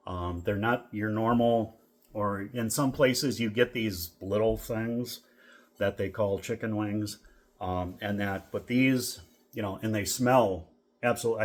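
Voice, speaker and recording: A middle-aged man from Minnesota talks through a casual food review. His voice sits a little low. He rambles in an easygoing way and leans on fillers. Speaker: vlogger.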